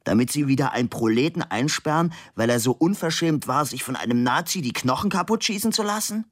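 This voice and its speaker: A man reading an audiobook voices a stocky young worker who has been shot, shouting and bitter. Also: a little high, expressive, brisk, voice pushed up. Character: young stocky male worker, wounded and furious.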